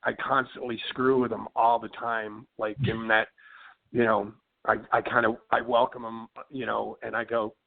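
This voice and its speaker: Over a thin, tinny phone connection, a rock band singer gives a loose, rambling interview in a Philly accent, full of fillers, restarts and "you know what I mean." He speaks at a moderate pace with a middling pitch that barely moves, and vocal fry runs through his voice.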